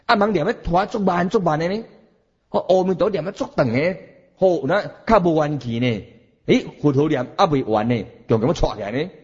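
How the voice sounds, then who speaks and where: An animated man with a Taiwanese accent gives a Buddhist sermon. His voice swings widely in pitch and has a husky edge, and he keeps breaking into chanted examples and questions to his listeners. The lo-fi recording sounds dull. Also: a little fast. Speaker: Buddhist teacher.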